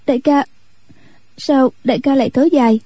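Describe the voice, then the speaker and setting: A woman's voice: steady tone, dark tone, husky, no echo. Tearful young nun, as a woman reads her. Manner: higher, pleading, rushed voice. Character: young timid gentle nun, tearful and anxious.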